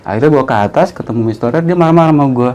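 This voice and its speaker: Pria bersuara hangat, bercerita santai. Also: male voice, medium pitch, rapid-fire, lo-fi sound. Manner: lively, laughs often, acts out others' lines. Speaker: guest telling a personal story. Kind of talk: casual storytelling in slang.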